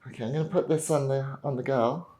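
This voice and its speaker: A woman's voice: rumbling low, fairly even intonation, fast talker, warm tone. A woman, an independent film director, chatting upbeat and directly to her viewers in a casual behind-the-scenes vlog.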